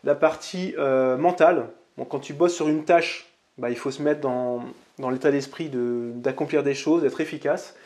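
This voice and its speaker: A man's voice: medium pitch, steady tone, normal speed, hardly any pauses, darkish tone. A man hosting a casual vlog, recommending books in a chatty, upbeat way and talking straight to the viewer. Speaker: channel host reviewing books. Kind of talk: casual vlog talk to camera.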